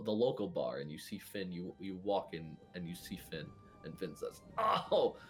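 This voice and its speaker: A young man narrating a tabletop game as game master, in a casual, halting way with many restarts. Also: fairly low pitch, darkish tone.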